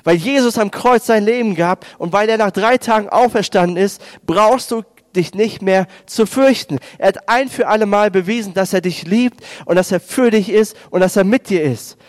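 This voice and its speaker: A man's voice: high voice, normal speed, few pauses, no room sound, studio quality. A man preaching a baptism sermon, speaking the words of God and Jesus in raised, emphatic tones. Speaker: pastor.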